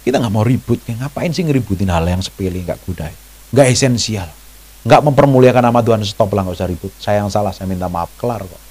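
Lively pastor preaching. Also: male voice, fast talker, husky. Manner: animated, jumps into high mock voices when quoting people; chatty, asks the congregation questions. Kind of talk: sermon.

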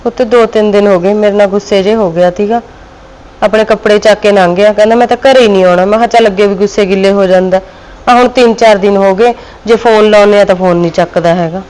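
A woman's voice: medium pitch, steady tone, quick pace, a little mellow, close to an everyday voice, poor audio. An older woman playing a worried, soothing mother. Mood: motherly. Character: worried old village mother.

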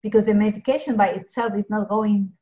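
A woman's voice: mid-range voice, steady tone, a little fast, warm tone. A middle-aged woman from Ecuador, talking earnestly on a video call with many restarts and fillers. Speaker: pharmacist guest. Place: home office with bookshelves. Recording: dull lo-fi video call audio.

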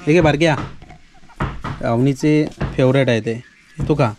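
Speaking a little slowly in a medium pitch, this Konkani Marathi-accented man in his thirties from Konkan, Maharashtra, narrates a casual vlog outdoors in a village yard. He addresses viewers directly in a chatty, relaxed manner, camera held at arm's length, with noise in the background.

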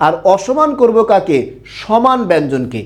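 A man's voice: high-pitched, sing-song, moderate pace. A young man teaching grammar in an online lesson, asking questions and answering them himself, repeating key points. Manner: repetitive, drilling.

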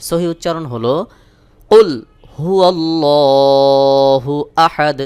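A man from Bangladesh teaching Quran recitation, spelling out each syllable slowly and chanting the verses. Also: medium pitch, smooth.

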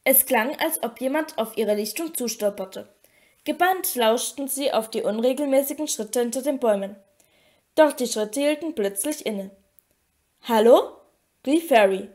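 High-voiced woman reading an audiobook. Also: normal speed, a little mellow. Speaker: audiobook reader. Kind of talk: audiobook narration.

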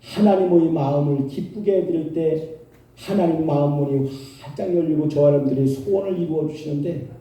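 A male pastor preaching a sermon, telling a story with emphatic repetition and animated delivery. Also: a little high, a little fast. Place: church sanctuary. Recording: echoey hall from far off.

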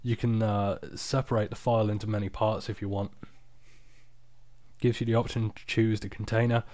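A tired man giving a casual, unscripted screen-recording tutorial, explaining software steps in an informal, off-the-cuff way. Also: on the low side, little pitch movement, moderate pace, dry recording. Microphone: external microphone, close and dry.

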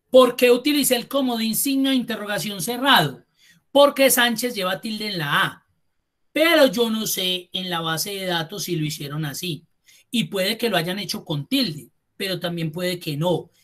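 A man's voice: sits high, expressive, measured pace, fairly bright tone. A man who teaches a live class, talking students through each step with patience. He thinks aloud, restarts some phrases and stretches some words as he works. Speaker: Excel instructor. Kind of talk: live online class walkthrough.

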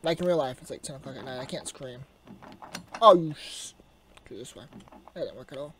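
Raspy sick youtuber muttering thru a game, mid pitch, some faint keyboard clacking behind. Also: racing, background noise. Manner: mutters and grumbles to self, chatty asides. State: sick with a sore throat, coughing. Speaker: gaming YouTuber. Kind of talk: casual gameplay commentary.

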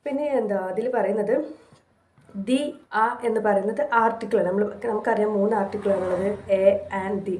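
A woman tutor with a Malayali accent explaining a course lesson in a conversational way, pausing often to search for words. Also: mid-range voice, steady tone, a little mellow, reverberant, slight background noise, low-quality recording. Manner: conversational, with frequent fillers and pauses to find words.

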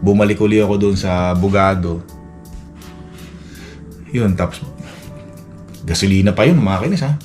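Man, casual storytelling vlog with faint music behind. Low voice, rambling with many restarts. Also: moderate pace, long pauses, a little mellow. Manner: rambling, many restarts and fillers, acts out quoted dialogue. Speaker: vlogger. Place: Edmonton, Canada.

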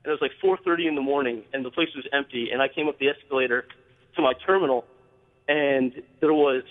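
A man's voice: mid-range voice, quick pace. A man calling in to a radio show over the phone, talking earnestly with many fillers and restarts. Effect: call-in phone line on air. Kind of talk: call-in radio chat. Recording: tinny phone line with long reverb.

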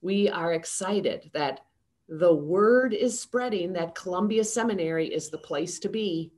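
An older woman in her sixties gives a formal, prepared address from her home study over a video call. Her delivery is slow and unhurried, set in a slightly low register, and she keeps a steady, measured tone throughout. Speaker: seminary president. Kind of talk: prepared address to a town hall.

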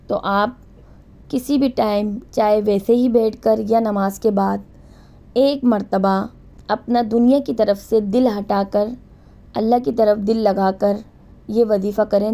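A woman talks through a devotional practice in a calm, repetitive way and slows right down for each recited phrase. Her voice is dark and mellow with a gravelly edge. Her pitch stays flat and level throughout. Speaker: religious instructor. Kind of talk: spoken instruction with slow recitation.

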